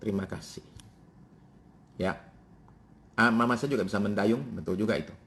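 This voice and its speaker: A male pastor, preaching a sermon in a church and telling family stories with lively swings in pitch. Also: moderate pace.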